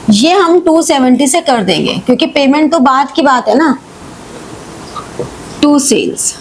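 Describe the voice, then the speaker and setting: A woman with a high voice teaches accountancy in a live online class, solving journal entries step by step. She reads each question slowly, then explains in a quick Hindi-English mix, frequently checking comprehension with "ठीक है" and questions. The recording is rough, with a little hiss or hum.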